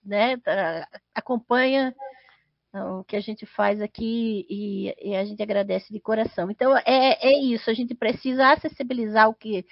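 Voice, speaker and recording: A woman's voice: on the high side, dry recording. A woman with a Brazilian accent hosting a casual live chat, hesitant and often repeating words as she goes. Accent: Brazilian Portuguese. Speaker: host of a podcast livestream. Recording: dull, dry lo-fi stream audio.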